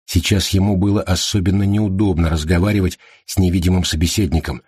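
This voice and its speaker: A man reading a story aloud as narrator in a steady, even manner. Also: low-pitched, fast talker, slightly rough, no room sound, clean studio sound. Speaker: audiobook narrator. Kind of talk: scripted narration.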